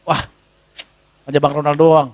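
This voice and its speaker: A male pastor preaching a sermon in a conversational, animated way, jumping to high exclamations and dropping to low asides as he addresses the congregation. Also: a little slow, no room sound. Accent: Indonesian. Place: church.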